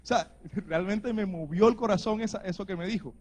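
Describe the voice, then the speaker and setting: A man's voice: high voice, a little fast, a little mellow. A man with a Colombian Spanish accent preaching a sermon, earnest and building to emphatic exhortation.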